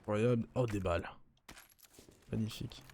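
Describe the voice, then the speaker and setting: Over some background noise, a young Frenchman streams a horror game in a lowish voice. He chats casually, mutters to himself, and jokes often.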